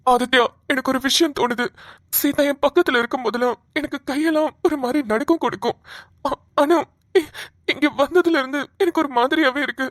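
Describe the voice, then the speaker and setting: A woman voicing a timid, lovesick young man in a cartoon, talking softly and hesitantly. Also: sits high, quick pace, no echo, clean studio sound, close to an everyday voice. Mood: pleading. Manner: soft, hesitant, pleading. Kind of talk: cartoon voice acting.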